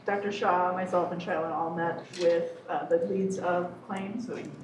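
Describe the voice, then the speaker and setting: A woman board member giving a brisk committee update. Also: fairly low pitch, fairly even intonation. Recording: echoey room, distant mic, noise.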